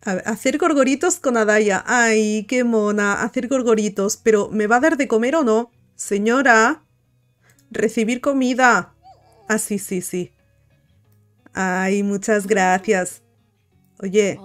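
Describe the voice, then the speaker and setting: A woman's voice: medium pitch, slow. A woman giving casual gameplay commentary, cooing and chatting to the game characters. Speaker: gaming video host. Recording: light music behind.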